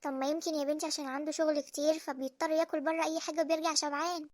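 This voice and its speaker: A woman voicing a caring older mother gently advising her daughter in an Egyptian cartoon, with an Egyptian accent. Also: sits high, little pitch movement, rapid-fire, no echo, clean studio sound, lightly acted. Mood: gentle. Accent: Egyptian Arabic. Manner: soft, advising. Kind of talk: cartoon voice acting.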